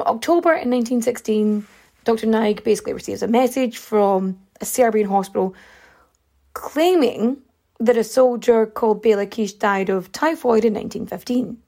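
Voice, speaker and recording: A woman with a fairly high, mellow voice and vocal fry speaks at a moderate pace as a podcast host. She tells a true-crime story in a rambling, chatty style packed with fillers and asides, all while losing her voice.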